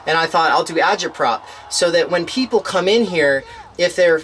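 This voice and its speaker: A man with a slightly higher voice tells a long personal story in casual conversation. He rambles, restarts his sentences often and leans on fillers, and he gets animated as he retells what happened. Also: moderate pace, a little hiss or hum. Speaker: interviewee.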